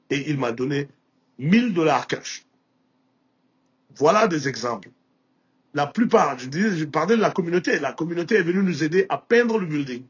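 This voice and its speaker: Man, Burkinabé French accent, hoarse-sounding breathy voice, rambling anecdotes, muffled audio. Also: on the high side. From Burkina Faso. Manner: anecdotal, with frequent restarts and filler. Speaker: interview guest, entrepreneur. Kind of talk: casual storytelling interview.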